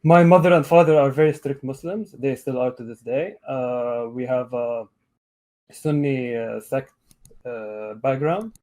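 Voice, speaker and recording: A man's voice: mid-range voice, a little slow, darkish tone. A man in his thirties from Lebanon on a video call, speaking in a hesitant way with many fillers and restarts. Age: 30s. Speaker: caller. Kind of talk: casual debate on a video call.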